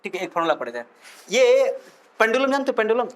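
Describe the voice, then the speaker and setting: A man with an extremely high, bright, clear and resonant voice talks very fast and with great animation. He's a physics teacher working through problems, keeping the lecture playful as he jokes with his students, teases them and quizzes them along the way.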